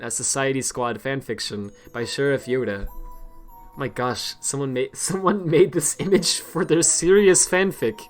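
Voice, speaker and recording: Rambling, self-mocking male streamer. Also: medium pitch. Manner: rambling and self-deprecating, laughs often. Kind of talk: casual live-stream chat.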